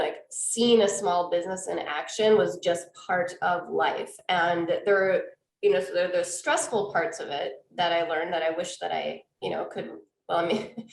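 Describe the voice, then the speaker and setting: A woman's voice: on the low side, echoey room, rough recording. A woman from Wisconsin with a Wisconsin accent, chatting casually as a podcast guest and laughing easily. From Wisconsin, US Midwest. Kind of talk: casual interview chat.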